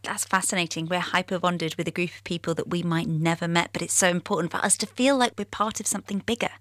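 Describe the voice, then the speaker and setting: Female radio host, bright tone, engaged conversational interviewer. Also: fairly low pitch, fairly even intonation, fast talker, dry recording, studio quality. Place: London studio.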